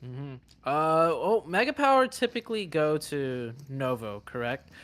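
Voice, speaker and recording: A man giving analytical esports commentary in an explanatory, measured way with some fillers. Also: fairly high pitch, sing-song, fairly bright tone. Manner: explanatory, measured, uses fillers like you know.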